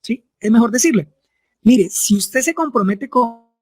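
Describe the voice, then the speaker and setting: A very high-pitched, husky man speaks in an animated but unhurried way, recorded dry. As a medical lecturer, he explains step by step and frequently asks tag questions to check that his students understand.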